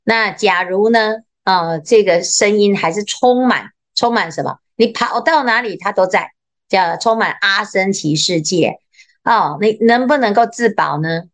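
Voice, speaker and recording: A woman with a Taiwanese Mandarin accent, a Buddhist nun giving a dharma talk in a lively way, full of little interjections, slowing down to read sutra lines. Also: medium pitch. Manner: slows down when reading sutra lines. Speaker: Buddhist nun teaching scripture.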